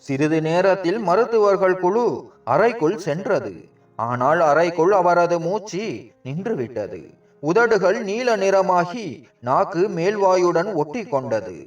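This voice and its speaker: A man narrating a first-person dramatic story in an emotional, measured way. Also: high voice, expressive, lo-fi sound. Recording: distant mic with soft background music.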